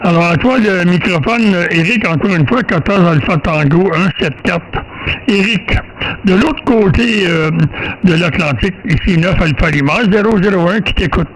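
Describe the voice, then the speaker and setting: In a casual radio contact chat, a man with a Quebec French accent talks as an amateur radio operator, hesitating, repeating words and rambling. His high voice moves at normal speed over a low-quality amateur radio recording with faint static.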